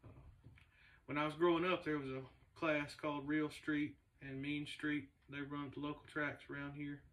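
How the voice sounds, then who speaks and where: A laid-back man talks in a flat, even tone and stops often for fillers. He sits in a large garage shop, and his voice comes from a camera several meters away, so it sounds distant and roomy. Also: on the high side, normal speed. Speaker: race car builder and shop owner. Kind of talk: casual vlog talk. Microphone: camera a few meters away.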